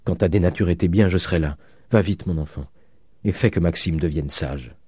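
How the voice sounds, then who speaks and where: A man voicing a frail old father who cries out in a high, strained voice. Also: a little fast, darkish tone, breathy edge, no room sound. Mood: pleading.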